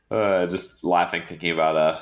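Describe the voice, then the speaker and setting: A man co-hosting a podcast while congested with a cold, chatting in a relaxed, apologetic way. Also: lowish voice. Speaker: podcast co-host. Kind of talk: casual podcast chat.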